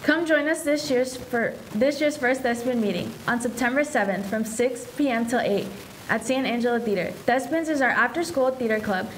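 Student anchor, teen girl, slightly high, even scripted read. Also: normal speed, a little hiss or hum, low-quality recording. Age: teens. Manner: reads announcements steadily. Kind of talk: scripted school announcements. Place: school TV studio.

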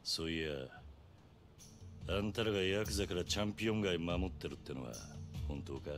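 Guy doing a tough ex-yakuza hero for a game, really low, gruff and terse gangster talk. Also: a little fast, faint music behind, natural voice. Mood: probing. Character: stoic, tough young ex-yakuza man, terse and controlled. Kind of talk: video game drama acting.

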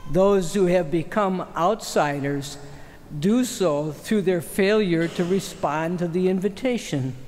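An older man preaching a homily as a priest at a church lectern, in a measured cadence on a podium microphone. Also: sits high, a little mellow, a little hiss or hum. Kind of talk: homily and liturgy. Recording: long church reverb.

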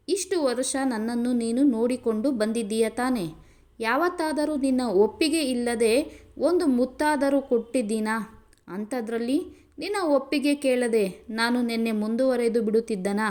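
A stern but doting young husband who scolds gruffly and then pleads softly, as a woman narrator reads him. The voice stays fairly high. It is told in a storybook style. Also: natural voice.

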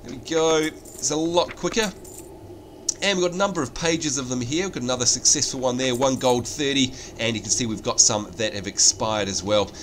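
A man's voice: mid-range voice, brisk, a bit bright, a little hiss or hum. An Australian man with hay fever congestion, sounding nasal as if his nose is pinched, chattily explaining things to viewers in casual gameplay commentary. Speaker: let's play video host.

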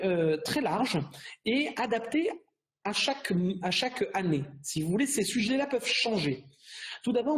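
A middle-aged man presenting a university prep course over slides, explaining in a measured way with frequent hesitations and restarts. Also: sits high, darkish tone.

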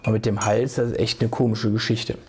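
A man in his forties, hoarse from a cold, casually teaches beekeeping to viewers via a desk webcam in a small home room, with noise in the background. He speaks on the low side and fairly quickly, with little pitch movement. The how-to video has him chatting, restarting sentences and addressing viewers directly.

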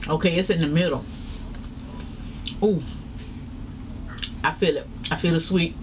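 A woman's voice: low voice, measured pace, recorded from a distance. Woman, chewing through a taste test, drawling mm-hmms, mic away from her, noisy room. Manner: casual, drawling, lots of mm-hmms. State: chewing while talking. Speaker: food vlogger. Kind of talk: mukbang snack review.

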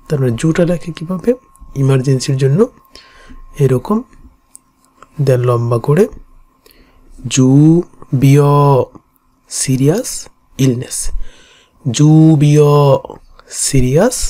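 Slow, repeating Bengali teacher voice. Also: mid-range voice, mellow. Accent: Bangladeshi Bengali. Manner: repeats each reading slowly, explains stroke by stroke. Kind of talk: kanji lesson in Bengali.

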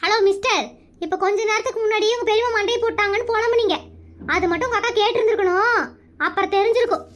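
A woman's voice: extremely high pitch, steady tone, fairly bright tone. A woman playing a suspicious, nagging wife in a comedy skit. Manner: nagging, suspicious, quick-witted.

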